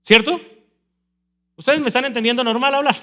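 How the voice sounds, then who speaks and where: A male pastor with a high, bright voice preaches a sermon. He leads the congregation in call-and-response and mimics people with lively energy. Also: brisk. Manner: animated, mimics people speaking in tongues.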